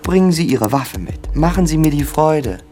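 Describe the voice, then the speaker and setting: A male dubbing actor playing a man who smoothly presses someone into an evening meeting, with a coaxing manner. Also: on the high side, expressive, normal speed, dark tone, faint music behind, close to an everyday voice.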